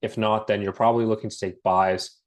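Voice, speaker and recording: A man with a cold and a slightly raspy voice, casually talking through a trading market breakdown with many pauses and restarts. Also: fairly low pitch. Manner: relaxed, halting, many ums and restarts. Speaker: forex trading analyst.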